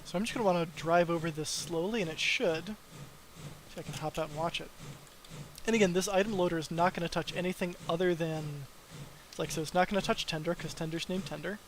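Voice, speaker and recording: A man's voice: fairly high pitch, fast, slight background noise, rough recording. A young man chatting casually on his live development stream, rambling with lots of fillers and sounding tired.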